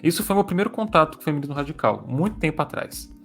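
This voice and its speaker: A Brazilian man in a casual interview, speaking haltingly and stumbling over words, with articulation slightly impeded by dental braces. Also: on the high side, animated, gravelly, a bit bright, faint music behind.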